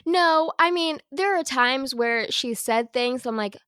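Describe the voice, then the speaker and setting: A woman guest in a casual podcast chat, candid and quick to laugh, acting out what others said. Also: high voice, clean tone, dry recording, studio quality. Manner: candid, laughs often, animated quoting of others. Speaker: podcast guest, business owner. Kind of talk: casual conversational interview.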